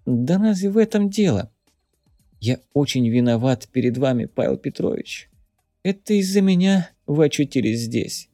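A man's voice: medium pitch, animated, moderate pace, mellow, no echo, studio quality, soft background music, close to an everyday voice. A man voicing a beaten young man under twenty who is gloomy, guilt-ridden and short of breath from coughing. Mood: guilty. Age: teens. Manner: wheezing, coughing through his words.

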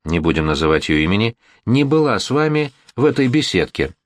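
A man voicing a stern, formal gentleman. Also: on the low side, big pitch swings, brisk, no echo, clean studio sound. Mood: firm. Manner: formal and insistent. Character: stern, firm gentleman second at a duel. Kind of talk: audiobook character reading.

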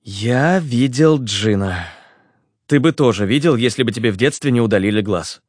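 A man's voice: medium pitch, normal speed, a little mellow, no echo, clean studio sound, lightly acted. A man voicing an agitated, desperate blind young man in an audiobook, snapping indignantly and sarcastically. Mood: sarcastic. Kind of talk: audiobook character voice.

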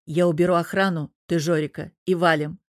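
A woman reading an audiobook and voicing a cool-headed young gunman who speaks in a hushed, terse way. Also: lowish voice, flat delivery, fairly quick, no echo, clean studio sound, close to an everyday voice.

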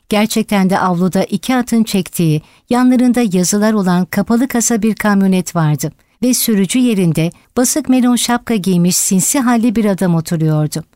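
Woman audiobook narrator, steady dramatic read, no room sound at all. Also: medium pitch, no room sound, clean studio sound. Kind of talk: scripted narration.

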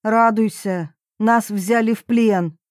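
A snarky, fanciful inner voice that teases a young woman with quick sarcastic retorts, as a woman reads it for an audiobook. The voice sits fairly high and sounds close and dry. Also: fairly even intonation, dry recording. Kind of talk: audiobook character reading.

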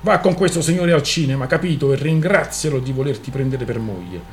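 A man voicing a gruff, quick-tempered old father in a radio story reading, barking out scolding orders. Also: medium pitch, animated, faint music behind, natural voice. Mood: commanding.

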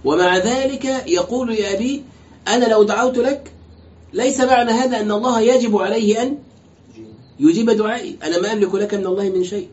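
A man's voice: high-pitched, quick pace, a little mellow. Man, sheikh lecturing, rhetorical questions, echoey room. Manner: explains step by step, asks rhetorical questions. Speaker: sheikh teaching tafsir and fiqh. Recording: dull roomy lecture recording, faint noise.

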